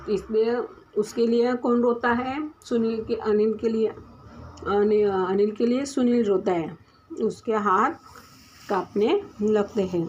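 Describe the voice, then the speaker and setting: A woman teacher reads a story lesson slowly and patiently. She repeats lines and explains them in her own words, stopping to correct herself. Her voice is mellow and soft, and the lo-fi recording carries a faint hiss. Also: medium pitch. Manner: reads each line slowly, then repeats and explains it with frequent restarts. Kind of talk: reading a Hindi lesson aloud and explaining it.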